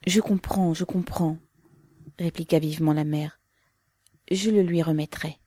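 A woman's voice: low-pitched, fairly even intonation, normal speed, dark tone, no echo. Woman reading as a tender, anxious old mother.

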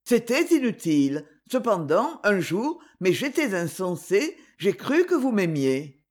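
Woman voicing a lovesick young man, sorrowful, earnest, lively pitch. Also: measured pace.

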